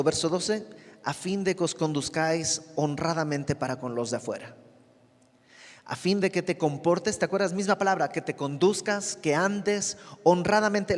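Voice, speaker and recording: A man's voice: fairly high pitch, in a large hall. A man with a Mexican Spanish accent teaching a verse-by-verse Bible study in a conversational way, often asking his listeners questions.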